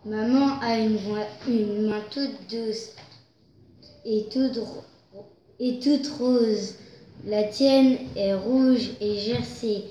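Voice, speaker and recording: Three cheeky young children, as a woman storyteller puts them on, answer slowly in a sing-song way. The voice is soft and mellow, and the recording sounds dull and roomy. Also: fairly high pitch, fairly even intonation, slight background noise. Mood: teasing. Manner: slow, sing-song, deliberate replies. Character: three teasing young children refusing to open the door.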